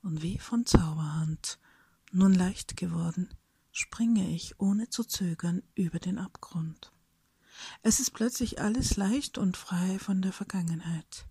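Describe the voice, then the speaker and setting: A woman reading a reflective personal story aloud in a soft, breathy whisper, slowly and thoughtfully. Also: lowish voice, no room sound.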